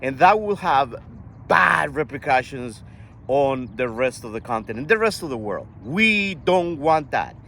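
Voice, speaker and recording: An older man from Costa Rica talking earnestly in a casual monologue, often halting and restarting his sentences. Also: medium pitch, sing-song, a bit bright, a little hiss or hum. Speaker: vlogger.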